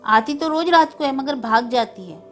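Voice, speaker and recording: A woman's voice: high voice, lively intonation, normal speed, soft background music, pitched above the performer's own voice. A woman voicing a pleading little boy. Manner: pleading, insistent. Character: grieving small boy missing his dead mother.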